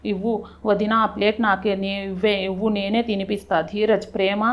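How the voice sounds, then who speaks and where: A woman's voice: medium pitch, level tone. A woman recapping a TV serial episode, narrating the plot and speaking the characters' lines with frequent restarts. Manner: quick retelling with frequent restarts and self-corrections. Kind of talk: retelling a TV serial episode with quoted dialogue.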